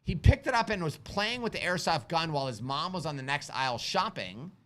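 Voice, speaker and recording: A man's voice: a little high, expressive, a little fast, a bit bright. A man who teaches firearms, hosting a casual live stream, telling stories animatedly, asking rhetorical questions and chatting with his kids. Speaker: firearms instructor and livestream host. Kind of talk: live-stream chat answering viewer questions.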